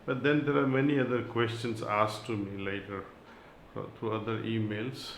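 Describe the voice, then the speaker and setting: A man giving a spiritual talk and reading aloud, in a slow, measured way with long pauses. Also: on the low side, steady tone, reverberant, a little hiss or hum, low-quality recording. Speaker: spiritual teacher.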